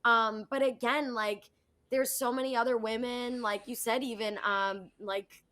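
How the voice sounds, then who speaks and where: On a video call, this woman in her twenties co-hosts a reality TV recap show, her casual commentary wandering and peppered with "like." She speaks a little slowly, her pitch on the high side and fairly even, with a bright, forceful tone.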